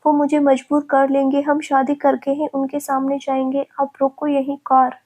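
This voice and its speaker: A woman's voice: high-pitched, completely flat delivery, normal speed, a little mellow, close to an everyday voice. A woman voicing a frightened young woman who pleads anxiously through tears. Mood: tearful.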